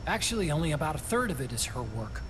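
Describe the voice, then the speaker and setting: An actor playing an earnest, thoughtful technical expert in a video game, explaining things in a scripted briefing. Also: male voice, a little high, big pitch swings, fast, noisy background. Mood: reflective, explanatory.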